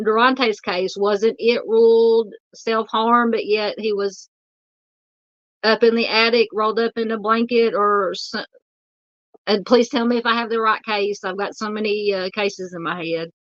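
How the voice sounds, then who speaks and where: On her true crime livestream, a Southern host whose voice is hoarse and going reads viewer comments in casual chat. She sounds a little high, speaking haltingly with many fillers while staying polite, and the audio is dull with no room sound.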